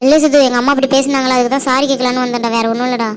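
A woman playing a feisty, sharp-tongued college girl. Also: sits high, level tone, natural voice. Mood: pleading. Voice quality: quick, scolding, teasing. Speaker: college student. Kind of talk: village family drama acting.

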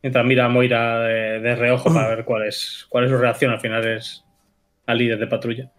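A man's voice: medium pitch, level tone, normal speed. A man playing a tabletop role-playing game, describing his character's actions and correcting himself as he goes. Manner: stumbling, self-correcting. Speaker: player. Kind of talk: casual game talk.

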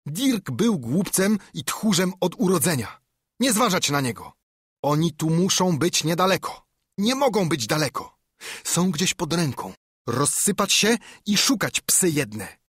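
A man's voice: very animated, a little slow, husky, no echo, clean studio sound, heavily acted. A man voicing a furious blind old male pirate beggar who shrieks orders at his gang. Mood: raging. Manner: shrill, shouting orders.

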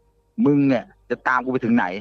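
A man voicing the menacing spirit of an old nobleman who speaks coarsely and slowly through a possessed woman. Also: mid-range voice, slightly rough, no echo, narrow, tinny audio, close to an everyday voice. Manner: slow, threatening, coarse speech.

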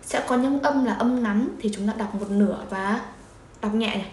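A woman teaching pronunciation, drilling syllables slowly and repeating them for learners. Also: fairly high pitch, darkish tone, roomy sound, slight background noise. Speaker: Chinese teacher. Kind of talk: pronunciation lesson.

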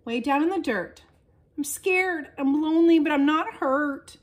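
A woman voicing a small, scared young seed in a children's story, with a high, pleading, wavering voice. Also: lively intonation, unhurried. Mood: worried.

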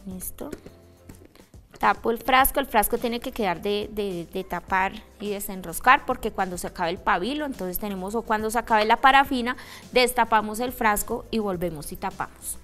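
A woman teaching a step-by-step craft demonstration, checking in often with a quick "ready?" between steps. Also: medium pitch, fairly bright tone, faint music behind. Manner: checks in with a frequent "¿listo?". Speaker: craft instructor.

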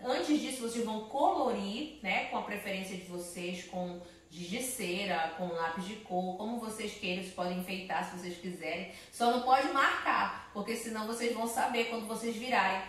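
A woman teaching English to young children with a Brazilian Portuguese accent, saying each alphabet word slowly and repeating it. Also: medium pitch, a bit bright, roomy sound. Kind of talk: slow, spelled-out alphabet lesson for children.

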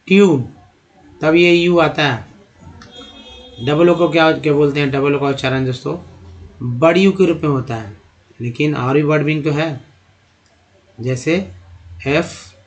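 A man teaching English pronunciation, spelling out words letter by letter and asking and answering his own questions. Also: mid-range voice. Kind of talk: spoken English lesson.

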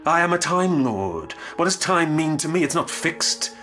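A man's voice: fairly high pitch, sing-song, moderate pace, sharp tone, soft background music. An actor playing a sarcastic, grief-stricken alien grandfather in an audio drama, intense and brooding. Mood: desperate, defiant. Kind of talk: full-cast audio drama acting.

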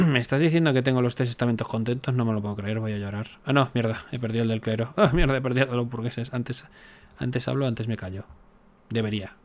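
A man talks through his strategy game in a casual let's-play style. He chats and jokes as he goes, throwing exasperated asides at the game. His voice sits at an ordinary middle pitch. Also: fast. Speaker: gaming YouTuber.

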